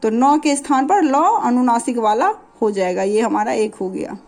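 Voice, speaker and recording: High-voiced woman teaching grammar patiently. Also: moderate pace, a little mellow. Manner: patient, repeats "है ना" to check understanding. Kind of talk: classroom lesson explaining examples.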